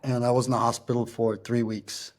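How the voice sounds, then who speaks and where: A middle-aged man speaks as an interview guest in a flat, even tone that barely rises or falls. His talk is halting and unpolished, full of pauses as he searches for the next word. Now and then he slips in a German word. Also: mid-range voice. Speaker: guest, punk rock singer. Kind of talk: casual interview storytelling.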